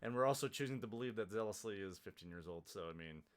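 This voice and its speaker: Man, casual banter, teasing, fairly low voice. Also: lively intonation, fast talker. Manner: dry teasing banter, laughs often. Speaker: co-host watching the game. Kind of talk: casual let's-play chat.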